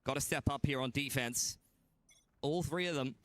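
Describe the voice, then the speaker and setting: A man's voice: mid-range voice, moderate pace, a bit bright. A man doing live esports commentary and analysis as a caster.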